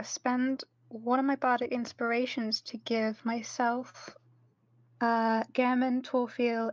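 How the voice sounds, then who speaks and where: A woman's voice: on the high side, no room sound. A woman playing a tabletop game, casual and playful, explaining her spells to the table. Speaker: player. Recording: dull, dry voice-call mic.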